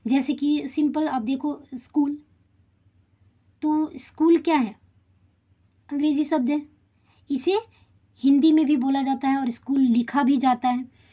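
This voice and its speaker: A woman's voice: high voice, fairly even intonation, measured pace, pauses often, mellow. A woman teaching a Hindi grammar lesson to children, speaking to them directly and often checking in with short tag questions. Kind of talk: explaining a school grammar lesson.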